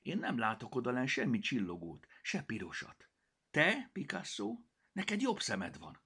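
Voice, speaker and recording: An earnest nine-year-old girl, as a male narrator puts her on, speaks in a lifted, pleading storybook voice. The tone swings lively up and down with a slightly husky grain. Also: medium pitch, pitched above the performer's own voice. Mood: puzzled.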